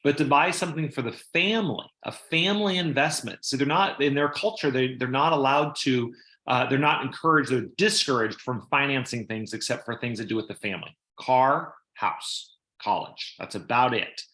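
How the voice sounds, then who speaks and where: A man's voice: medium pitch, moderate pace, sharp tone, reverberant. A man giving sales training on a video call, talking casually and repeating himself as he acts out customers.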